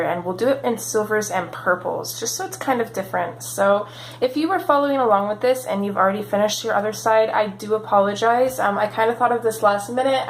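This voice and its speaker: The coloring channel host has a mid-range voice and chats casually through her tutorial, rambling with plenty of ums and sniffling a little from a cold. It's a rough recording with a roomy sound and some hiss or hum.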